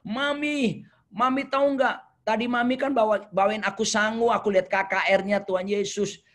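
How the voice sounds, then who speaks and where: A man's voice: sits high, steady tone, moderate pace, a bit bright, voice pushed up. A man voicing an eager little boy in a sermon story, who keeps calling to his mother as he retells what happened. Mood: excited. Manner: eager, breathless retelling, repeats "Mami". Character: excited little boy telling his mother about a miracle.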